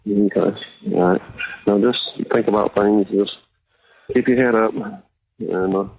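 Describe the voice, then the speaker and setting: A man talking over a jail payphone call line, halting and reassuring as he speaks with a jailed relative. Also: on the low side, gravelly. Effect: heard over a jail payphone call line. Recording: tinny phone line with faint hiss.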